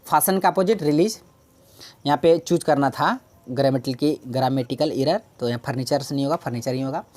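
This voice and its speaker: A woman's voice: extremely low pitch, fairly quick, mellow. A woman teaching an exam-prep English lesson, explaining patiently, repeating key words and answering her own questions.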